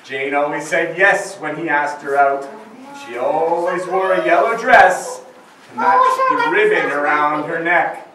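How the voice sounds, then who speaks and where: A man's voice: high voice, pushed and bright. Man telling a spooky story, echoey room. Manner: dramatic, suspenseful delivery. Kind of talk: telling ghost stories. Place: scout Halloween party. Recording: echoey room from far off, noisy.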